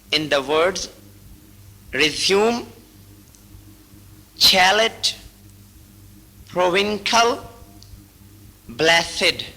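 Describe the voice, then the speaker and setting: A man with a fairly high, bright voice reads instructional rules aloud. He goes very slowly, pausing between short phrases like a patient teacher. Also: poor audio. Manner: slow, deliberate reading in short broken phrases. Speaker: teacher reading out braille rules. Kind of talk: slow instructional reading.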